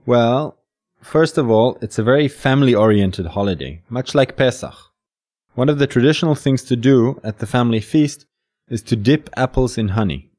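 A man's voice: mid-range voice, lively intonation, normal speed, darkish tone. A man co-hosting a scripted podcast, explaining traditions with a light, joking manner. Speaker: podcast co-host. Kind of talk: scripted educational podcast dialogue.

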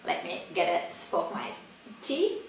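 A woman with a Turkish accent, a native Turkish speaker, teaching pronunciation slowly, repeating each word with many fillers. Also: on the low side, wildly swooping pitch, noisy background. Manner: slow, repeats words, frequent fillers. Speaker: language teacher. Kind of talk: casual pronunciation lesson. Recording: echoey room.

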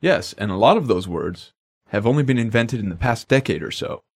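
A man's voice: fairly low pitch, animated, a little fast. A man co-hosting a language lesson podcast in upbeat, jokey scripted banter.

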